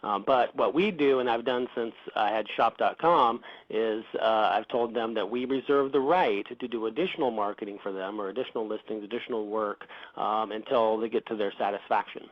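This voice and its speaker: A man's voice: lowish voice, brisk. A man answering interview questions about his business, speaking hesitantly with many fillers and restarts. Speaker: reputation management company founder. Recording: dull lo-fi audio.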